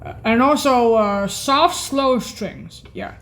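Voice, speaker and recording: A woman demonstrates keyboard sounds extremely slowly, naming each item one at a time in a casual, halting way. She sounds hesitant and deliberate, and her fairly high voice is a bit bright.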